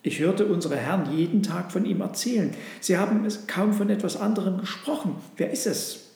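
A man's voice: sits high, fairly quick, gravelly, a little mellow, voice pushed up. Curious polite camel for a storybook, read by a man, inquisitive and a little puzzled, in an echoey room. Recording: roomy echo.

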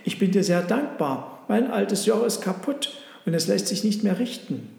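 A man's voice: sits high, lively intonation, moderate pace, creaky, darkish tone, pitched above the performer's own voice. A man reading as a fretful old stable owner. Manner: fretful, doubting. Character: old male stable owner, doubtful and kind. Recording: roomy with long reverb.

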